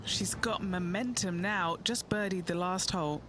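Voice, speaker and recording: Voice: mid-range voice, moderate pace, fairly bright tone, soft background music, natural voice. An actor voicing a concise on-course golf reporter in video game commentary. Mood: focused.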